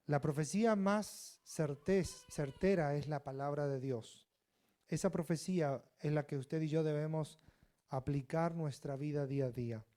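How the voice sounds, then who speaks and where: A man preaching a sermon, reading scripture loudly and dropping to quiet asides. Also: a little high, a little slow. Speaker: pastor.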